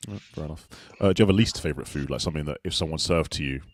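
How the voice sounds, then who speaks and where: A young man hosting a casual chat, asking quick, jokey, teasing questions. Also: rumbling low, no room sound, studio quality. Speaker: host.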